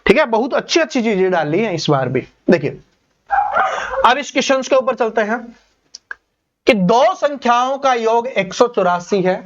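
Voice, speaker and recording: High-voiced man teaching an exam class. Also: animated, normal speed, long pauses. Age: 30s. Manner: explains step by step, asking students rhetorical questions. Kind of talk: online exam-prep lesson. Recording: dull lo-fi recording.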